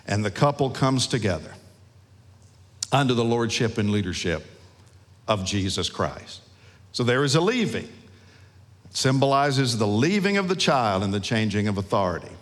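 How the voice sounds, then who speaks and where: A man preaching a sermon as a pastor, emphatic, with rhetorical questions and dramatic pauses, in a church sanctuary. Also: medium pitch, very animated. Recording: long hall reverb.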